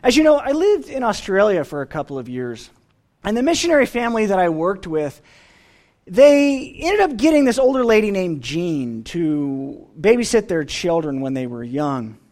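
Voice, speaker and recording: A preacher giving a sermon in an expressive way, often letting phrases fall away softly at the end. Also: mid-range voice, normal speed.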